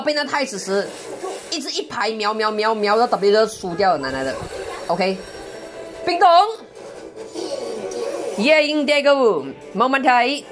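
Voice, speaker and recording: A woman doing excitable live gameplay commentary, full of exclamations and mild curses. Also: fairly high pitch. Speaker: game streamer.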